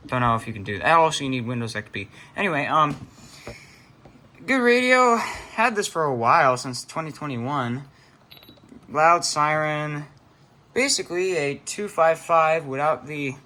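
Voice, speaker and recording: A hobbyist vlogger shows off his radio collection in a casual, unscripted show-and-tell, rambling, trailing off and correcting himself as he goes. His medium-pitched voice sounds pushed and bright, with slight background noise.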